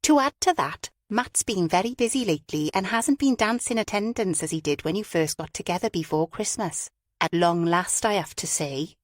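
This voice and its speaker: A woman's voice: lowish voice, lively intonation, normal speed, no room sound, studio quality. A woman narrator voicing an outspoken, talkative middle-aged woman friend who speaks frankly and teases.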